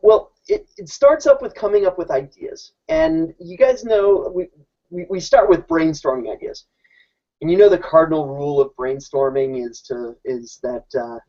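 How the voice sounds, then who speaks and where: Speaking in a slightly high, warm voice, a man who teaches talks casually about how his classroom operates, restarting sentences often. It's an informal presentation on a dull, lo-fi recording.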